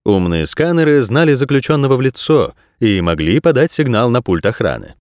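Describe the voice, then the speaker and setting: Expressive male audiobook narrator. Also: medium pitch, brisk, no room sound, clean studio sound. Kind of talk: scripted narration.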